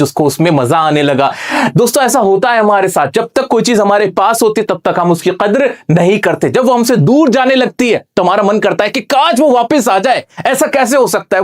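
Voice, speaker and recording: A man teaching a lesson, reading English lines slowly and then explaining them with constant rhetorical questions to his students. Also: sits high. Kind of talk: classroom-style lesson explanation.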